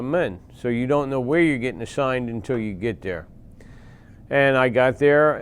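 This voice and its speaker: A man's voice: medium pitch, clean tone. Plain-spoken man in his sixties. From Philadelphia, USA. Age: 60s. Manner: plain-spoken, halting with pauses and fillers. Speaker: veteran interviewee. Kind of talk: recounting war memories.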